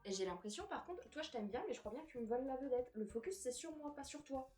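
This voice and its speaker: A woman's voice: high voice, animated, fast, darkish tone, soft background music. A young woman vlogging casually at home, chatty and self-mocking, who swears when frustrated. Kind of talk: casual vlog chat. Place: apartment room, indoors.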